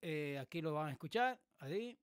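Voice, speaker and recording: A man hosting a music production tutorial, explaining things casually with many pauses and fillers. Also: on the high side, clean tone. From Dominican Republic. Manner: relaxed, explanatory, many hesitations. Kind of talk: casual screen-recorded tutorial. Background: beat playing in the background.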